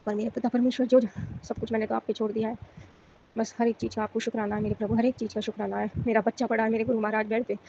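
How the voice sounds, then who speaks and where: A middle-aged woman from Rajasthan pours out a pleading devotional prayer in a rapid, fairly flat delivery. Her voice is mellow and sits a little high. The recording is muffled and lo-fi, with faint hiss. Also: vocal fry. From Rajasthan, India. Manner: pleading, emotional, repetitive devotional chanting. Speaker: devotee giving testimony.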